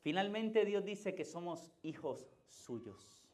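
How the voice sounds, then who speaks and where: A man's voice: sits high, expressive, slow, darkish tone. A male pastor with a Puerto Rican Spanish accent, giving a conversational sermon that builds to emphatic climaxes and asks the congregation questions. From Puerto Rico.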